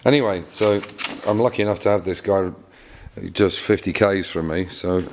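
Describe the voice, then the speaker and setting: In an echoey garage with faint background noise, a middle-aged English man with an English accent vlogs casually about his car restoration work. He speaks at a normal speed in a low, darkish voice with fairly even intonation, leaning on fillers and repeated words.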